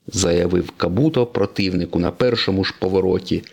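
A man's voice: low-pitched, a little fast, creaky, a little mellow. A man reading a children's storybook aloud, narrating expressively.

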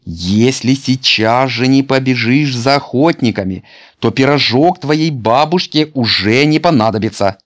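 A man's voice: a little high, sing-song, takes it slowly, voice pushed up, heavily acted. A man voicing an insistent schoolboy who talks urgently, in a children's storybook reading.

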